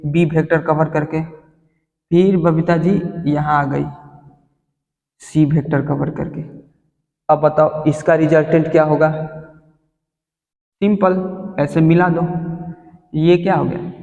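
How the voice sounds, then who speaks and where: A man's voice: on the high side, darkish tone. A male physics teacher giving a classroom lesson, explaining through everyday stories and constantly quizzing his students. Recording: echoey hall, dull sound.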